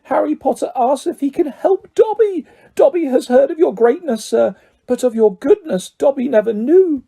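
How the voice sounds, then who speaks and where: A reader voicing a small, servile male house elf with a high, squeaky voice who talks about himself in the third person. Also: expressive, moderate pace, vocal fry, warm tone. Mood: reverent. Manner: speaks of himself in third person, adds "sir".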